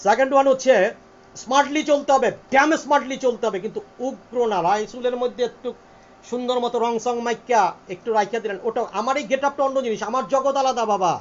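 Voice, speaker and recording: Lecturer, male, strikingly high voice, dull lo-fi recording. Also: slight background noise. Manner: drawls English phrases slowly, then talks on casually. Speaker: lecturer on life and spoken English. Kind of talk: informal lecture.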